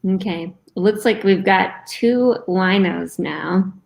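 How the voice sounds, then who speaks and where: A woman with a mid-range voice hosts a casual live-streamed bingo game. She talks at a slow pace, chatting informally to the players. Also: medium pitch, vocal fry. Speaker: co-host of a live online bingo event.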